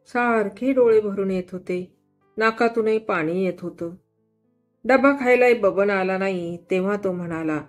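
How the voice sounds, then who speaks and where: Expressive woman reading a story aloud. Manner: expressive, voices each character with shifting pitch and loudness.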